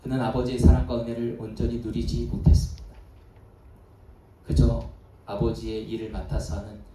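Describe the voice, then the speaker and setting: A male pastor preaching a sermon, telling a story dramatically and swinging from soft, hushed lows to emphatic peaks, recorded at a service in a large church hall. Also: completely flat delivery, moderate pace, recorded from a distance, a little hiss or hum. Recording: echoey hall, voice from afar.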